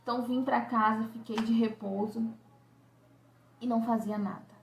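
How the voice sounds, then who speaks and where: A woman's voice: a little high, fairly even intonation, normal speed, vocal fry, echoey room, slight background noise. A young woman from Brazil, telling a personal story to camera in an emotional, conversational way. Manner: emotional, conversational, many fillers like "né" and "sabe". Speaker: vlogger.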